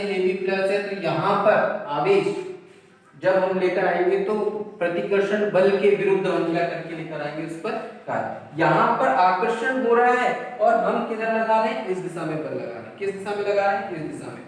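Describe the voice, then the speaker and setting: A man's voice: high voice, moderate pace. A man teaching a physics lesson, asking questions and answering them himself and repeating key terms, with English words mixed in. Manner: mixes in English words and numbers. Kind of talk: classroom physics lecture. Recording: very echoey room, voice from far off, faint noise.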